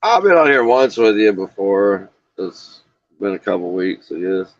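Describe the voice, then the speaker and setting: A man's voice: low-pitched, animated, unhurried, dry recording, highs cut off. A man from Southern Missouri with an Ozarks accent, calling in to a casual chat and telling a rambling, folksy story with frequent laughs. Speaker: caller.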